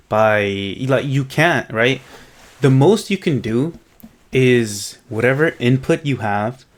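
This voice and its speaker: A man hosting an informal coding video, thinking aloud and often checking in with the viewer as he explains. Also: mid-range voice. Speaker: host of a coding project video series. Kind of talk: casual unscripted tech walkthrough.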